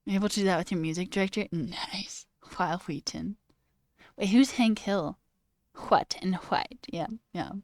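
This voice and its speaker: This woman's voice is mid-range and darkish at a moderate pace, recorded dry with clean studio sound through corded headphones. Livestreaming, she chats casually with viewers, rambling off on tangents, swearing casually and saying "like" frequently.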